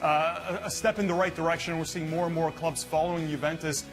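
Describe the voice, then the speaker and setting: A man's voice: a little high, fairly even intonation, brisk, music in the background. A man giving confident football analysis in a casual panel chat. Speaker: football pundit.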